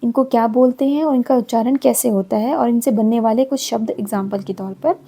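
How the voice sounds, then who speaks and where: A middle-aged woman teaching a grammar lesson, her voice a little high and husky. She explains step by step, saying each example word slowly. The tone is mellow and dark.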